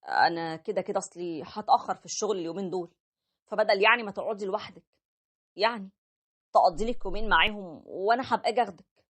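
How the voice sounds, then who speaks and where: A woman's voice: medium pitch, quick pace, fairly bright tone, close to an everyday voice. A woman voicing a tender, apologetic young husband who narrates his own story, with an Egyptian accent. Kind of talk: animated story voice acting.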